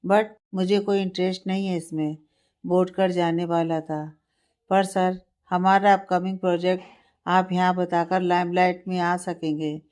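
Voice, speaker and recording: A woman voicing a polite, eager young male news reporter making his pitch in a storybook reading. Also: level tone, unhurried, a little mellow, clean tone. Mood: persuasive. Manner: polite, persuasive.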